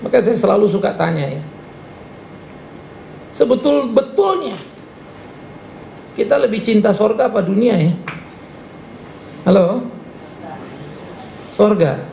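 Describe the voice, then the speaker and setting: A male pastor preaching an emphatic, animated sermon in a church hall. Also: high voice, slow pace, long pauses. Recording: echoey church hall, gravelly, faint noise.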